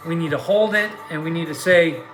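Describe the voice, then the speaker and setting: A man's voice: a little high, a little fast, music in the background, poor audio. A man giving an improvised spiritual tarot reading to his audience, preachy and emphatic, often tagging phrases with little check-ins. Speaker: online tarot card reader.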